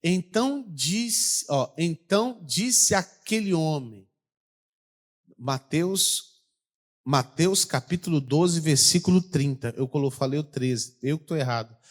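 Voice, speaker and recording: A man with a Brazilian Portuguese accent preaching a lively sermon, asking his congregation questions as he goes. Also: fairly high pitch, measured pace. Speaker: pastor.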